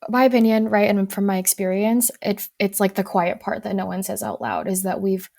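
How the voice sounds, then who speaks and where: Woman, guest counselor; measured, reflective delivery with a touch of fry, dry audio. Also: medium pitch, dark tone, no echo. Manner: thoughtful, measured, pauses to qualify points. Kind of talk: casual podcast conversation.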